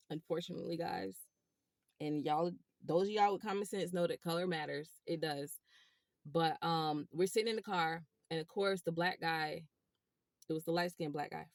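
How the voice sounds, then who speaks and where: A woman telling a rideshare story to her viewers in a casual, animated way. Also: fairly low pitch, vocal fry, no echo, clean studio sound. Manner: animated, chatty, addresses viewers as y'all. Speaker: rideshare driver vlogger.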